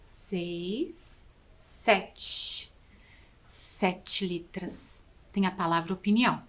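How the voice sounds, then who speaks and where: Woman teacher, Brazilian Portuguese accent, slow patient delivery for a kids' video lesson. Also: medium pitch, fairly bright tone. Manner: slow, patient, counting and spelling aloud.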